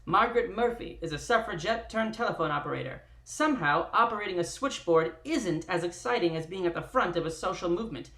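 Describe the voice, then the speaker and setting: A dramatic old-time radio announcer, put on by a streamer narrates in theatrical 1940s style and lands each phrase with a punchy pause. The sound is roomy, with a clear echo around the voice. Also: mid-range voice, animated, a bit bright. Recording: roomy echoey room.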